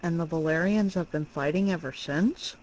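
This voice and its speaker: Woman playing a spoiled, lowish-voiced teenage space princess. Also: normal speed, a little mellow, close to an everyday voice, low-quality recording. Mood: questioning. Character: spoiled, questioning teenage daughter of a space emperor. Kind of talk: comedic audio drama acting.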